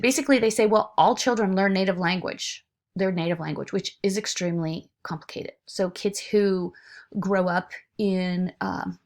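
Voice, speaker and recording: A woman lecturing informally to her students, with frequent fillers and restarts. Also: medium pitch. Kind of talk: recorded online lecture.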